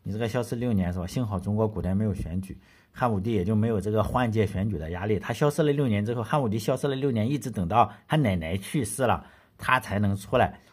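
A man's voice: on the low side, quick pace, darkish tone, breathy edge. A man hosting a history podcast, telling the story in a blunt, colloquial way that is full of rhetorical questions and casual swearing.

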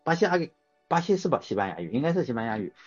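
Husky male host, animated delivery, casual rambling chat, dull lo-fi recording with faint music. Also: medium pitch, rapid-fire. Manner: rambling, anecdotal, self-correcting.

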